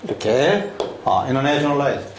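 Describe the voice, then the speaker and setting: Slow, methodical male teacher. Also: medium pitch, animated. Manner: drills slowly, syllable by syllable, asking questions. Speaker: English teacher. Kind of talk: classroom lesson on spelling by syllables. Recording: echoey room with faint hum.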